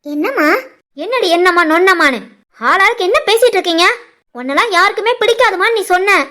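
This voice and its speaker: A woman voicing a quick-tempered older mother-in-law who scolds and shoos the family away in an animated family story. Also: very high voice. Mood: scolding. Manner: sharp scolding, shooing people off.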